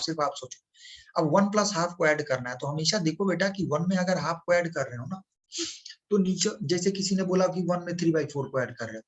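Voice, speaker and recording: A man teaching a maths lesson. He asks the students questions and answers them himself, calling them "beta". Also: fairly high pitch. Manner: calls the listener "beta", coaxing.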